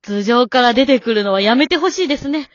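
A woman's voice: a little high, expressive, brisk, no room sound, close to an everyday voice. A woman voicing a stern, composed elderly wife in an amateur radio drama, polite and cool with a scolding edge. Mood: calm. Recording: dull dry lo-fi recording.

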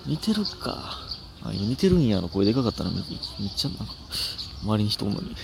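Animated Kansai-accented young man rambling. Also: lowish voice, fairly quick, gravelly, noisy background. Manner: rambling, self-mocking, animated outbursts. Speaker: comedian podcast host. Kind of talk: casual solo podcast chat.

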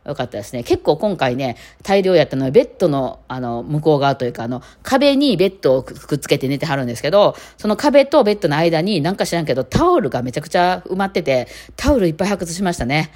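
A woman's voice: low-pitched, very animated, quick pace, few pauses, a little mellow. A woman with a Kitakawachi Kansai accent, hosting a casual solo chat in a rambling way full of fillers. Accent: Kansai, Kitakawachi dialect. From Kitakawachi area of Osaka, Japan. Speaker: podcast host.

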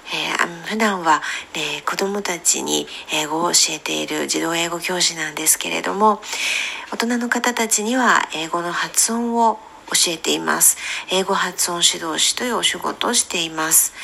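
A woman who coaches English pronunciation, talking on her own podcast in a gentle, explaining way with many fillers. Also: fairly low pitch, gravelly, slight background noise. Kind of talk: solo podcast talk.

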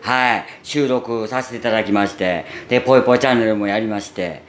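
A man with a gravelly voice and a Kansai Japanese accent, chatting casually and unaffectedly to listeners as a radio host. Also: fairly low pitch, brisk. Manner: natural unaffected delivery, chatty, with frequent sentence-final "ne". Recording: roomy echo, faint background noise.

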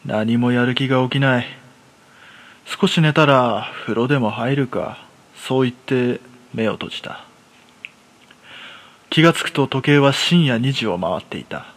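Here the same kind of role: a man playing a jittery, self-mocking recluse in his thirties narrates his own horror tale for radio. The voice sits mid-range, the talk is rough and colloquial, and the lightly acted, unhurried telling feels wry and tired.

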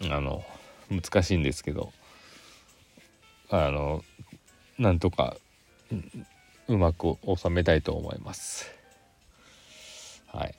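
A middle-aged podcast host with a deep bass voice, vocal fry, and a darkish tone records a casual solo episode from inside a car parked in a garage. He rambles, uses lots of fillers, and corrects himself mid-sentence.

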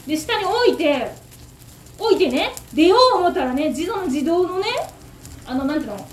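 A woman's voice: high voice, moderate pace, slight background noise. A woman with a Kansai accent, a takoyaki shop owner, telling a story in casual, exasperated chat. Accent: Kansai Japanese. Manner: animated, exasperated ranting. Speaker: takoyaki shop owner hosting a radio talk. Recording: roomy echo. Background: faint sizzle of takoyaki frying.

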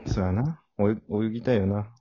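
A man's voice: fairly low pitch, fairly quick, warm tone, no echo, highs cut off. A man co-hosting a casual podcast chat, confessing sheepishly and putting himself down, then flaring up. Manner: sheepish, self-deprecating confessing that flares into indignation. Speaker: podcast co-host.

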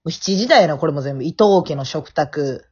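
A young woman with a Kansai accent teases her friend through a casual podcast chat. Her husky voice swings widely in pitch. She calls in from her family home, and the line sounds dull and lo-fi. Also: lively intonation. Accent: Kansai Japanese. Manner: teasing, quick banter. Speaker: podcast co-host. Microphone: remote call. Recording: dull lo-fi audio.

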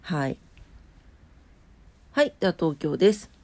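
Low, warm and expressive, a woman's voice moves a little slowly and sounds nasal, stuffed-up and drowsy. She hosts a daily morning weather and today-in-history show, chatting casually as she reads weather and trivia notes, with a sleepy, unpolished delivery.

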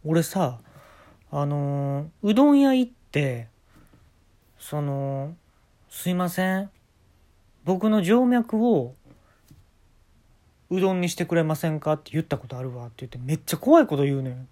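A young man with a Kansai accent hosting a casual talk show, telling absurd stories deadpan with sudden leaps in pitch. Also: measured pace, pauses often. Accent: Kansai Japanese. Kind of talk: casual storytelling monologue.

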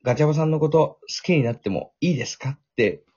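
A man hosting a radio show, talking in a playful, excitable, teasing way. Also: on the high side, fast, breathy edge, lo-fi sound. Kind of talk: casual radio banter.

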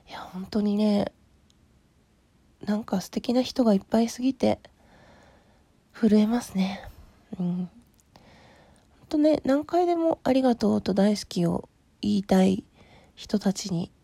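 A woman with a husky, rough morning voice, hoarse from sleep, chatting casually and politely as a podcast host replying to listener letters, often trailing into soft murmurs. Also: medium pitch, no echo. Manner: polite, appreciative. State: hoarse from having just woken up.

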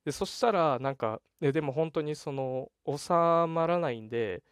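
A man's voice: on the high side, normal speed, clear, resonant tone, no echo, clean studio sound. Chatty young man telling a story. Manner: chatty, animated retelling with laughs and voiced quotes. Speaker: podcast host. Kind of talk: casual solo storytelling.

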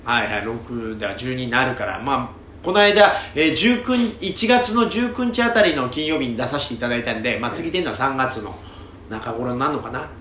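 A man hosting a casual podcast chat, telling stories in an animated, chatty way. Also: mid-range voice, brisk. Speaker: podcast host. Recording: roomy with faint background noise.

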